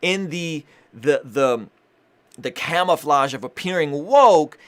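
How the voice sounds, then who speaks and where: A man's voice: on the high side, takes it slowly, fairly bright tone. Impassioned man ranting to camera. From Armenian family. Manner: impassioned, repetitive restarts, casual slang. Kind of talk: direct-to-camera commentary.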